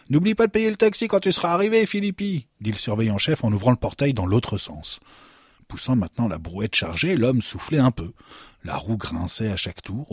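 A man reading a short story aloud in steady, measured narration. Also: fairly low pitch, husky, no room sound, studio quality. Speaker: story reader.

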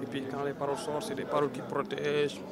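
High-voiced Senegalese man in his thirties. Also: monotone, racing. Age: 30s. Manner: loose and talkative, ends phrases with "quoi". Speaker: rapper and reggae artist. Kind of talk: casual interview chat. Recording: outdoor crowd chatter behind.

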